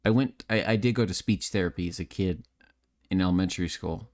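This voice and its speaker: A man's voice: low voice, fairly quick, darkish tone. A man streaming late at night, chatting candidly, repeating words and restarting sentences, swearing and joking at his own expense. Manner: swears freely, joking and self-mocking.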